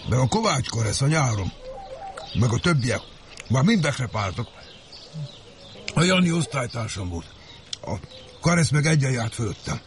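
A man's voice: medium pitch, big pitch swings, pauses often, slight background noise. A man playing a gloomy, blunt factory worker who talks coarsely about dead friends and his own health.

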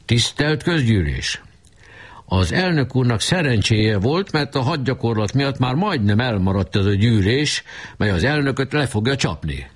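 A man voicing a gloating schoolboy with a screeching, high voice in a storybook reading. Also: sing-song. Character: shrill, gloating schoolboy heckler.

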